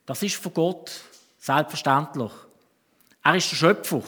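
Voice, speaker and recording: A man's voice: fairly high pitch, unhurried, bright, forceful tone, breathy edge. A man with a Swiss German accent preaching a sermon in a conversational, storytelling way, often breaking off and restarting.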